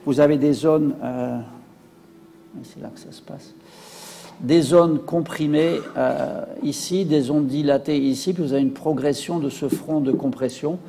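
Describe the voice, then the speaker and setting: Gravelly man lecturing in a hall. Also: a little high, fairly even intonation, normal speed, hardly any pauses, dark tone. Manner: hesitant, many fillers and restarts. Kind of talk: public science talk with slides.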